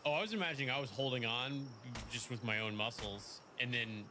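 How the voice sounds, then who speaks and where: A man's voice: mid-range voice, a little fast. A man talking casually and descriptively as a player in a tabletop role-play game. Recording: clearly noisy, with clicking.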